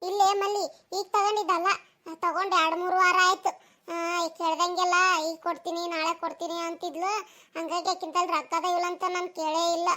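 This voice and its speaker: A woman's voice: very high voice, little pitch movement, brisk, sharp tone. Woman voicing a snappy village debtor woman. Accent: North Karnataka Kannada. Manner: snappy, defensive. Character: defensive young village woman who owes money.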